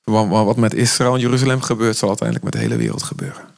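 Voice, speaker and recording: A man's voice: on the low side, sing-song, racing, vocal fry. A man from the Netherlands preaching an urgent, impassioned sermon, sometimes voicing the words of Jesus.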